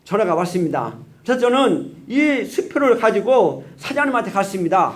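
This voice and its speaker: Guy with a high voice telling his church testimony, slow and earnest, acts out what people said. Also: very animated. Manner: earnest storytelling, acts out remembered dialogue. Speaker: church member giving testimony.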